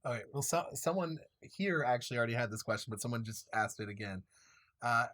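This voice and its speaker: A young man in his twenties hosts a live question-and-answer chat in a mid-pitched voice. He talks in a halting way, stopping and restarting his sentences with lots of fillers. The sound is dry and close. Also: animated, fairly bright tone, no echo. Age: 20s. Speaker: host and filmmaker.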